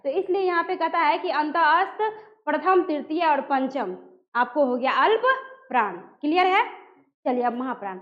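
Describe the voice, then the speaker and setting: A woman's voice: very high voice, fairly bright tone. A woman teacher giving a grammar lesson, who puts questions to her students, answers them herself and sounds out letters one by one. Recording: dull lo-fi recording.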